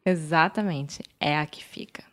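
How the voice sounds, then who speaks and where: A woman's voice: deep voice, measured pace. Encouraging woman co-hosting a lesson. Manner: practices dialogues, adds encouraging remarks. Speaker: co-host. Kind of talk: bilingual lesson chat.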